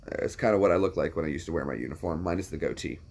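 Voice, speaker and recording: A young man from the United States chats casually with viewers, answering their questions in a rambling, self-deprecating way loaded with fillers. His bass voice races along, darkish in tone and slightly rough.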